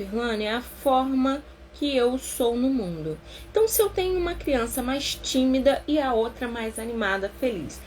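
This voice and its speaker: A woman's voice: a little high, a little hiss or hum. Chatty Brazilian woman therapist. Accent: Brazilian Portuguese. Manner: chatty and expressive, slows down to stress words. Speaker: therapist leading a book club live. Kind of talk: casual live-stream talk on psychology.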